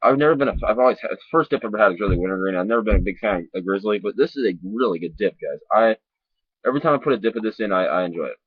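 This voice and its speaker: Husky dude w a lip full of dip rambling thru a review, cusses a lot, dull lo-fi audio. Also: male voice, fairly low pitch, expressive, dry recording. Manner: sweary, informal, halting and repetitive. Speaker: dip reviewer on a video channel. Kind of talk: casual rambling review to camera. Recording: dull lo-fi sound.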